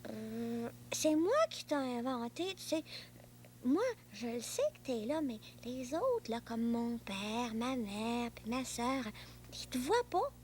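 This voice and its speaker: A woman's voice: fairly high pitch, very animated, slow, darkish tone, a little hiss or hum. A woman playing a playful young boy with an imaginary friend, chatty and bossy, with a Québécois accent. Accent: Québécois French. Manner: bossy, chatty, engine noises. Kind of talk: children's TV acting.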